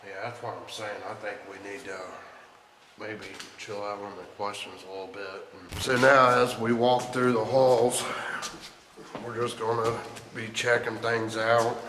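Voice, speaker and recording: A man investigating an abandoned infirmary, talking low and casual as he walks the halls. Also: flat delivery, a little slow, recorded from a distance. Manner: hushed, low-key talk in the dark. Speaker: paranormal investigator. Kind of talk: casual on-site ghost hunt commentary. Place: large old abandoned infirmary, indoors. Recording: echoey hallways with hiss.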